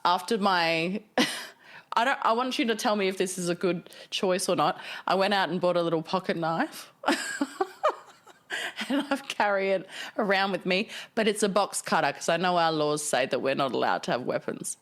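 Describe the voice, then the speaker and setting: Female interviewer, slightly low voice, informal and agreeable, casual conversational delivery. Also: lively intonation, normal speed, a bit bright.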